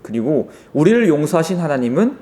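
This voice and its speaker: Young guy preaching to kids, mellow voice, really animated up and down storytelling. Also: a little high, brisk. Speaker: children's ministry pastor. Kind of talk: children's sermon.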